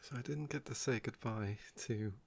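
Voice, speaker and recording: Speaking gently at a medium pitch, the ASMR video maker's voice is strongly creaky and a bit croaky. He tells personal stories in a casual, rambling fashion, taking his time and sounding a touch wistful.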